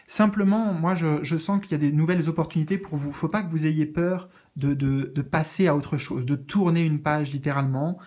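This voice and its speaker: Homme à la voix un peu aiguë, hésitant. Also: male voice, a little high, a little fast, hardly any pauses. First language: French. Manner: hesitant, searching for words, many fillers; gentle, reassuring. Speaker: tarot card reader. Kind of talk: casual spiritual card reading.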